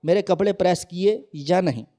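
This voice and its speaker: A man's voice: sits high, normal speed, warm tone, pitched above the performer's own voice, lightly acted. A man voicing a cruel, abusive husband who snarls harsh insults in a read-aloud story.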